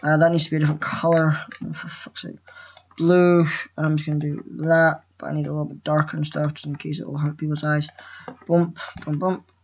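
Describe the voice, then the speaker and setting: Talking fast in a mid-range voice with little pitch movement, a first-time game-making tutorial host nervously rambles through a screen recording, stumbling over words, cutting himself off and swearing casually. The recording is muffled, with slight background noise.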